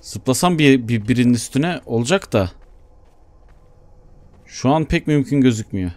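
A man giving Let's Play commentary, chatting to himself as he plays and bursting into excited shouts. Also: medium pitch, moderate pace. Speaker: gaming YouTuber.

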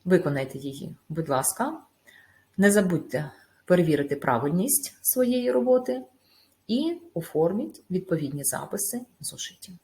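A woman teacher giving a recorded video lesson. She explains step by step in a measured way, with small hesitations. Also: fairly low pitch, lively intonation, darkish tone. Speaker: school teacher.

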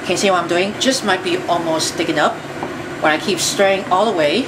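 A woman's voice: on the low side, fairly quick. Woman demonstrating a recipe, distant mic. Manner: step-by-step, chatty, repeats phrases. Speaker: cooking show host. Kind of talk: home cooking demonstration. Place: home kitchen. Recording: distant mic, loud room noise.

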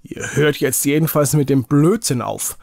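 A man's voice: on the high side, very animated, a little slow, dry recording, clean studio sound, full character voice. A man voicing an angry father who scolds and threatens his two quarreling sons. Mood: stern threatening.

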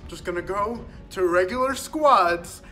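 A man's voice: sits high, unhurried, over music. A man talking casually for a gaming vlog, nervous, self-conscious and giggly. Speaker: YouTuber.

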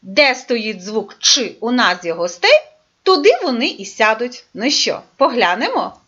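A woman's voice: fairly high pitch, sing-song, sharp tone. A woman teaching a lesson to young children, coaxing them along and drawing out her words. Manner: sing-song, coaxing, drawn-out words. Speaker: preschool teacher. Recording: dull lo-fi recording.

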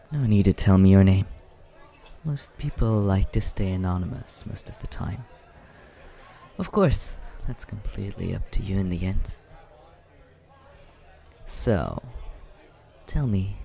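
Man playing Scaramouche, a deep, creaky, suave vampire. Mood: curious, courteous. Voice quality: low, creaky, soft. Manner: unhurried, smooth-mannered, teasing. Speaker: ASMR roleplay performer. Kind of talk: soft ASMR roleplay, addressing the listener.

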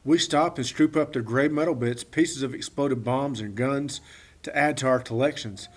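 Man reading a storybook, husky. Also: medium pitch, moderate pace. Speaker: audiobook reader. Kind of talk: storybook narration.

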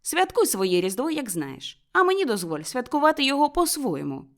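A woman's voice: high-pitched, sing-song, fairly quick, voice pushed up. A woman voicing a grumpy, miserly old man who answers curtly and scornfully, read aloud in a storybook. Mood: grumbling. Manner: gruff, curt and scornful.

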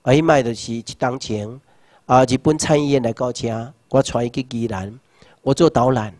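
A Taiwanese man in his sixties gives a rousing political lecture. He asks rhetorical questions and shouts slogans. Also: mid-range voice, steady tone, moderate pace, no echo, studio quality. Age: 60s. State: numb hands and feet. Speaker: seminar lecturer.

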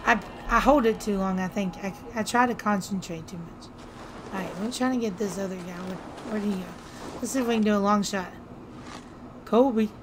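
A young woman with a slightly crackly voice, chatting casually and excitably while playing a game, laughing at her own misses. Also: medium pitch, a little fast. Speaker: gaming streamer. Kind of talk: casual let's-play commentary.

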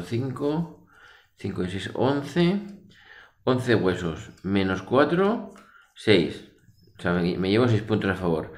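A middle-aged man with a Spain Spanish accent casually explains game rules in a rambling, colloquial way. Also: low-pitched. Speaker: board game reviewer. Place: small room indoors. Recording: roomy echo.

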